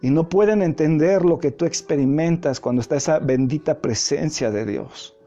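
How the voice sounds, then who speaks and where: A man's voice: fairly high pitch, normal speed, mellow. A man preaching a testimony sermon, earnest and speaking straight to the listener. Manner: earnest, direct address to listener. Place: home, livestream. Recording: muffled livestream audio with faint music.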